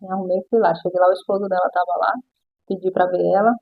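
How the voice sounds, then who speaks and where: A woman's voice: lowish voice, level tone, quick pace, phone-quality sound. A middle-aged woman with a Brazilian accent, a guest sharing her personal testimony in an interview and acting out the voices of the people in her story.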